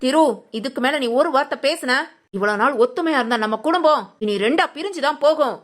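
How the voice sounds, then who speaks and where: A woman's voice: high-pitched, expressive, a little fast. A woman playing a domineering mother-in-law who harshly scolds her daughter-in-law in a village family drama. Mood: scolding.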